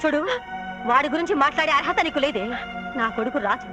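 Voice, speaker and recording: A woman's voice: sits high, quick pace, over loud music. An actress playing a mother-in-law who harshly quarrels with her daughter-in-law in a film drama. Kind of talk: film melodrama.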